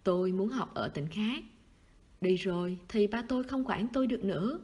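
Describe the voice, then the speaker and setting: A woman reading the lines of a wistful, quiet teenage schoolboy in a soft, husky voice. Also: normal speed, close to an everyday voice. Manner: soft, low-key, sighing.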